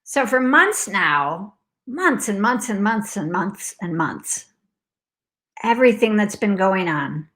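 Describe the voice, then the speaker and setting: Bright, animated middle-aged woman telling a story. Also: mid-range voice, slow pace. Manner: animated, acts out alarms and shouted outbursts, laughs often; talks in loose fragments with many likes. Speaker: host. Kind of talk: casual personal storytelling.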